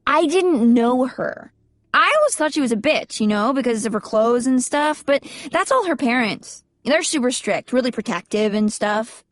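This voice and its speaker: A woman's voice: a little high, expressive, normal speed, no room sound, close to an everyday voice. A woman reading as a casual, carefree teenage girl. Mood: earnest. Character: teenage girl, bold, easygoing best friend.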